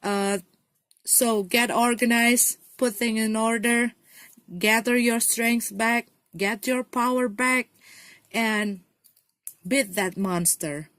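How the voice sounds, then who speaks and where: Slow, encouraging woman reading tarot. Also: a little high, fairly even intonation, a bit bright, no room sound. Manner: encouraging, repeats phrases, many "you know" fillers. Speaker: tarot card reader. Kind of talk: casual tarot reading to camera.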